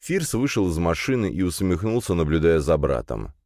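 A man reading an audiobook with steady storytelling narration. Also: low voice, normal speed, creaky, no room sound, clean studio sound.

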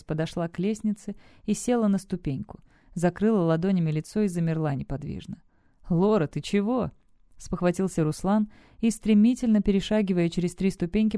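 Mellow woman narrating an audiobook. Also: lowish voice, smooth, no room sound, studio quality.

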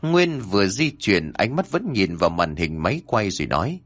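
A man's voice: lowish voice, very animated, moderate pace, fairly bright tone. A man narrating a scripted horror story, acting out the characters' dialogue in shifting voices.

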